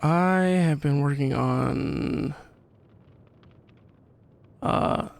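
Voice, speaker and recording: A livestream host plays a video game and chats casually with viewers, rambling and thinking out loud as game music plays. He talks very slowly in a gravelly voice on the high side, with slight background noise.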